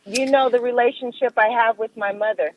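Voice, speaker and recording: This interview guest, a woman who does massage, chats casually and explains in a calm way while on speakerphone in her moving car. Her pitch is fairly high and her pace a bit quick, and the tinny, dry phone audio has a slight hiss or hum.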